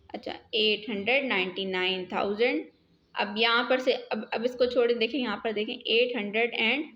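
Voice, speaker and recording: A woman's voice: a little high, fairly bright tone. A woman teaching a math lesson, explaining step by step and asking questions as she goes. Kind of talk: classroom lesson. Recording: dull lo-fi sound.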